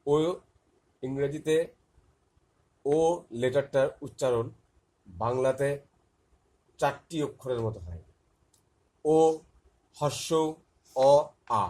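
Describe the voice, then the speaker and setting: A man teaching young children, slowly spelling out letters and example words and repeating each one. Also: medium pitch, a little mellow.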